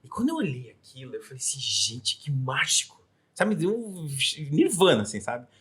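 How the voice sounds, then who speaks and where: A man's voice: a little high, fast talker. A young Brazilian man, a Portuguese teacher, talking enthusiastically as a guest in a casual interview. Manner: enthusiastic, animated, shifts into soft reflective storytelling.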